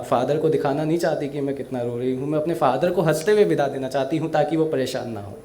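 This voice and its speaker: Guy doing an emotional poem live, slow and heartfelt, repeats lines, echoey room. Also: mid-range voice, dark tone. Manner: slow, heartfelt, repeats verses with rising emphasis. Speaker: poet. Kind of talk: emotional poetry recitation.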